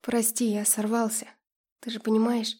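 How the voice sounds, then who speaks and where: A woman's voice: fairly high pitch, little pitch movement, normal speed, husky. A woman voicing an apologetic young man in love in an audiobook reading. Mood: pleading. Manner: gentle, apologetic.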